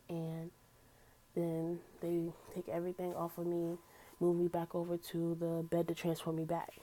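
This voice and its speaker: A woman's voice: fairly low pitch, warm tone, slight background noise, low-quality recording. A young woman telling a personal story in a casual storytime vlog, speaking in a candid, earnest way. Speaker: vlogger.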